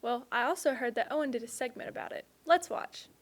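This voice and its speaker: A woman's voice: high voice, fairly quick. A teenage girl anchoring a student news show, upbeat and playful. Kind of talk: scripted school news reading.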